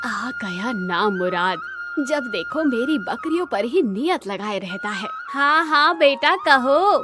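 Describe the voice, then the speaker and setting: A woman doing a cartoon granny with a low, slow, scolding voice who fiercely guards her goats and turns tearful and pleading over them. she sounds old and stubborn, with a slight lift of high pitch under the put-on gruffness. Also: sing-song, over music, heavily acted. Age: older. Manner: scolding, then weeping and pleading.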